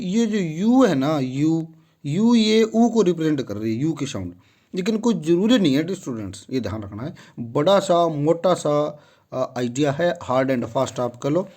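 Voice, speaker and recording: A man's voice: on the high side, mellow. A man giving a phonetics lesson, repeating each word several times and addressing his students directly. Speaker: English phonetics teacher. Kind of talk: classroom-style lesson.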